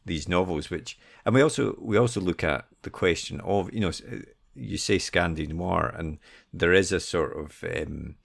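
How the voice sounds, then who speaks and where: Man, podcast co-host, rambling casual chat, very deep with gravel in it. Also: moderate pace. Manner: loose, rambling delivery with many fillers.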